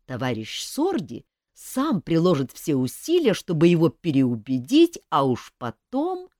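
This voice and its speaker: A woman doing a keen male guard chief, earnest and eager to please. The delivery is low but lively, in a dry, close recording. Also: unhurried, no room sound, heavily acted.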